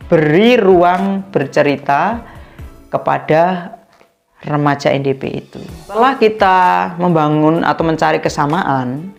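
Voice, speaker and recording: A woman giving an instructional talk on youth coaching, acting out sample conversations with a lifted, lively voice. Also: creaky. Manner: acts out sample dialogues with rising lively pitch. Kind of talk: instructional talk with role-play examples.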